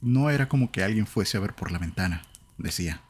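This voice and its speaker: Low-voiced man narrating a horror story. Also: husky. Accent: Latin American Spanish. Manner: calm, measured storytelling.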